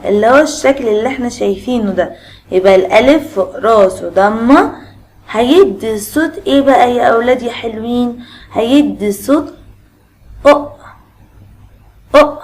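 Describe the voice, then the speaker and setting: A woman's voice: on the high side, darkish tone. Egyptian woman teaching children letters. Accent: Egyptian Arabic. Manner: patient, asks the class and repeats sounds. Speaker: primary school teacher. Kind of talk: children's reading lesson.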